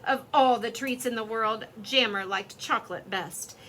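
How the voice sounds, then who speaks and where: A woman reading a children's story aloud in an expressive, lively storytelling way. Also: on the high side, unhurried, a little hiss or hum.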